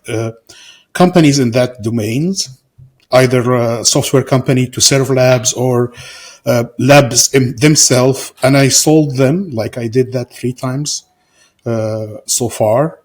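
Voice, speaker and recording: Halting, soft-spoken man, guest. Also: mid-range voice. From Syria. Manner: hesitant, many fillers and restarts. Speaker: guest, author and entrepreneur. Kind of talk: interview answers.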